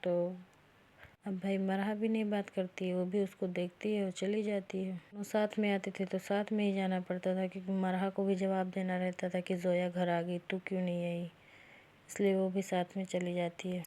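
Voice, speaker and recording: A woman's voice: medium pitch, flat delivery, normal speed, dark tone. A woman hosting a storytelling channel, chatting casually as she retells a romance story and speaks the characters' lines in her own voice. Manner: chatty, retells dialogue plainly without doing voices.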